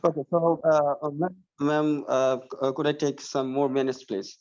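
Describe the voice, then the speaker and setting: A man in his thirties with a Bangladeshi accent, a high school teacher asking questions in an online class, talking with many fillers and restarts. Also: steady tone, extremely slow, a little mellow, muffled recording.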